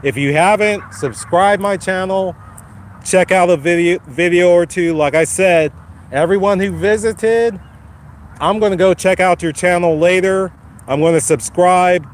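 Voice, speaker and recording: A man with a high-sitting voice, slightly raspy from a cold, hosts his first live stream on a phone he holds while walking a dog across a lawn outdoors. He speaks unhurriedly and casually, encouraging viewers repetitively and calling them by name, with slight background noise in the recording.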